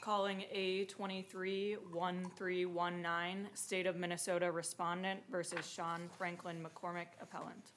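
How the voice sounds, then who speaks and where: Flat-voiced woman court marshal announcing. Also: lowish voice, a little slow, hardly any pauses, a little hiss or hum. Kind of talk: formal announcements.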